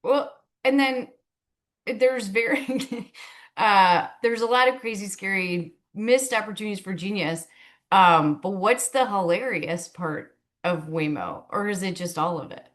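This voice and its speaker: Female host, medium pitch, casual chat, amused delivery. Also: a bit bright. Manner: amused, quick to laugh. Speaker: talk show host.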